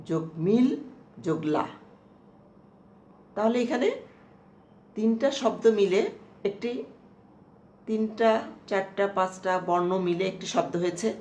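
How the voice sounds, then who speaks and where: A woman teacher giving a slow, explanatory lecture, repeating terms and asking checking questions. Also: mid-range voice. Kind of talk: lecture on Bengali prosody. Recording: echoey room with faint noise.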